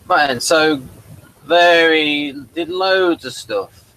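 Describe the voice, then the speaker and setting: A man with a fairly high, sharp-toned voice speaks slowly, hosting an informal episode review. He muddles along and thinks aloud as he presents, and the audio quality is poor.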